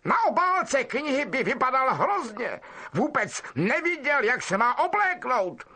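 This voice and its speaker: A man voicing a vain, evasive middle-aged male wizard professor in an affected, drawn-out, self-pleased way. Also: very high voice, very animated, sharp tone, pitched above the performer's own voice, full character voice. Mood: smug.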